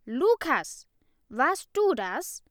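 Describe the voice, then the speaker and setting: A woman voicing an angry, bossy schoolgirl who shouts accusations in a storybook reading. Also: high voice, big pitch swings, extremely slow, no echo, studio quality, voice pushed up, full character voice. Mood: furious.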